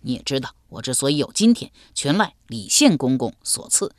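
A woman's voice: very deep voice, big pitch swings, fairly quick, no echo, clean studio sound. A woman voicing a confident, blustering middle-aged man. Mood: earnest, assured. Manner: assured, blustering.

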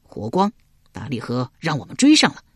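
A man's voice: mid-range voice, huge pitch swings, moderate pace, fairly bright tone, breathy edge, dry recording, clean studio sound, exaggerated voice. A man voicing a cunning, ruthless male barbarian marshal in a storybook reading. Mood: scheming. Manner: scheming, then threatening.

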